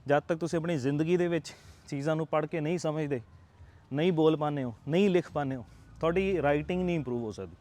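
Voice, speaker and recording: A man's voice: fairly high pitch, fast, darkish tone. A young man with a Punjabi accent, an IELTS tutor giving earnest, coaxing advice to camera. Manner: earnest, coaxing, checks in with rhetorical tags. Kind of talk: motivational talk to camera.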